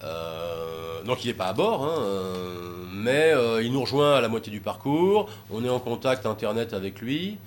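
Very animated yet at a measured pace, a man with a lowish voice talks with hardly any pauses about sailing trips with troubled youths. The setting is an informal talk with audience questions; he rambles with many hesitations and fillers, over slight background noise.

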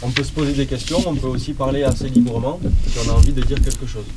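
A man's voice: medium pitch, fairly even intonation, quick pace, heavy background noise. A man hosting a school radio show, friendly and encouraging, with lots of fillers.

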